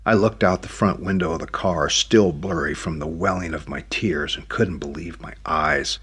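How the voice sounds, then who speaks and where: A man narrating a novel in the first person, in a plain, steady storytelling manner. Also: deep voice, moderate pace, breathy edge. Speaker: audiobook narrator.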